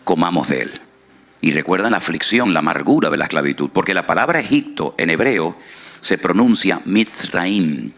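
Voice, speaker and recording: A very deep-voiced male pastor preaching to a congregation. He talks in a relaxed, conversational way and keeps checking in with his listeners through short tag questions. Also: brisk, creaky. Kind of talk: sermon.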